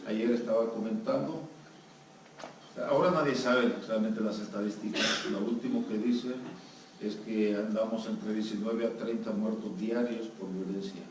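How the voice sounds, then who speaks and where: Here a Salvadoran-accented man, on the low side in pitch, speaks at a measured pace with fairly even intonation. As guest pastor, he jokes and asks the live congregation questions during his sermon. The sound is distant, echoey, and noisy, as in a church hall.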